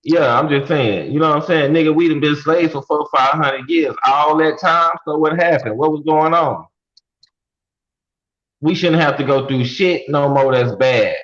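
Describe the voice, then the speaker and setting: A man's voice: on the high side, moderate pace, a bit bright, lo-fi sound. A young man in a casual podcast debate, talking bluntly in slangy street talk and pressing with questions. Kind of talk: casual debate over mics.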